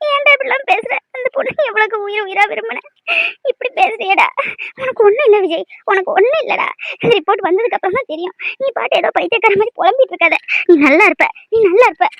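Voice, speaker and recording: A tearful cartoon mother, voiced by a woman, crying and begging over her hurt son, then hushing him with comfort. Her voice sits very high and sounds close and dry, with no room around it. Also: lively intonation, quick pace, dry recording, heavily acted. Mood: soothing. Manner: sobbing, pleading, then soothing. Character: grief-stricken mother at her injured son's bedside. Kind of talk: cartoon voice acting.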